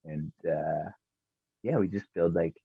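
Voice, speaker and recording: A man's voice: sits low, slow pace, creaky, breathy edge, no echo. A male musician guest chatting casually in an interview, rambling and laid-back with plenty of fillers. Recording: tinny phone-like remote audio.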